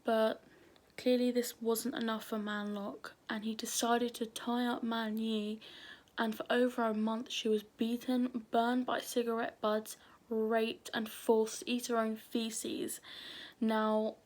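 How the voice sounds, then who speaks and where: Nervous woman whispering thru a true crime story at home late at night, kinda highish voice that stays flat. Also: takes it slowly. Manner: nervous, often drops to a whisper. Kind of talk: casual true crime narration.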